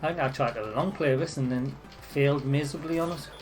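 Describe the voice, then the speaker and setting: A man's voice: mid-range voice, fairly even intonation, fast talker, faint music behind. A man with a Northeast English Sunderland accent, chatting casually while streaming retro games, full of "like" fillers. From Northeast England. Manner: chatty, nostalgic, frequent "like" fillers.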